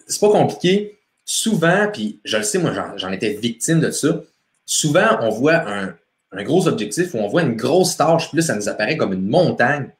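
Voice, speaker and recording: A chatty young man with a Quebec French accent hosts a casual live stream, greeting viewers by name and laughing easily. His mid-pitched voice swings up and down with lots of life. The sound carries a roomy echo. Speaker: motivation coach hosting a live stream. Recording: echoey room.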